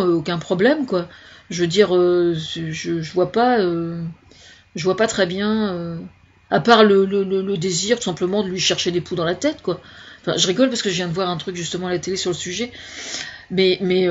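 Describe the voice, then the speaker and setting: Woman, husky voice, chatty and hesitant, restarts often; lo-fi, muffled recording. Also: mid-range voice. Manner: hesitant, searching for words with many restarts. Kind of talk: casual spoken opinion monologue. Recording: dull lo-fi recording.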